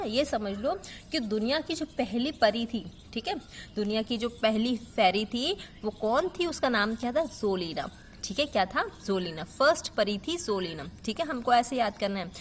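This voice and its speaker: A woman teaching pharmacy in Hindi who explains memory tricks, repeats drug names slowly and keeps checking in with her students. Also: a little high, slight background noise. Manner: checks in with the listener, often asking "ठीक है"; affectionate, calls the student "बेटा".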